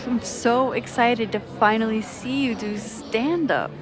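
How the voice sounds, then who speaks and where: A woman performs video game dialogue and inner monologue as a young adult photographer with powers, thoughtful, caring and quietly burdened. Her voice is fairly high, natural and unhurried, understated and introspective, sounding friendly and concerned. Music plays behind her.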